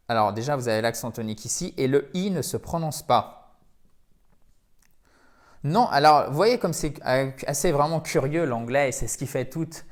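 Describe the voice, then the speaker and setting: A man whose first language is French, teaching English pronunciation in a lively, coaxing way, repeating words slowly as models. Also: mid-range voice. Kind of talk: pronunciation lesson.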